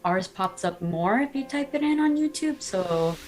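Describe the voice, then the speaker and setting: A woman's voice: medium pitch, animated, moderate pace, noisy background. A woman chatting as a podcast guest in an upbeat way, laughing easily, over a video call. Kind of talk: casual podcast chat.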